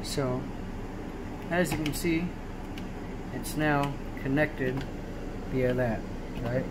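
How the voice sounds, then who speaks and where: Filming his laptop screen with a handheld phone in a small room, a medium-pitched man walks through a tutorial off the cuff. He's halting and keeps checking in, and a steady hum runs under the noisy recording.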